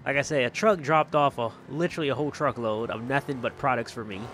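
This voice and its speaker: A man runs a gaming channel, giving fast, casual, enthusiastic roleplay commentary on cars in a video game. His mid-range voice is fairly bright, he often repeats phrases for emphasis, and there's a little hiss or hum.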